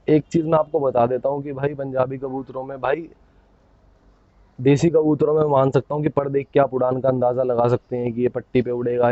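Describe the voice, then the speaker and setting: A man showing his pigeons to the camera in a casual, chatty way, often tagging his sentences with a quick "okay?". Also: medium pitch, no room sound, narrow, tinny audio. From India. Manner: chatty, keeps saying "bhai" and "theek hai". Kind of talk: casual hands-on show-and-tell.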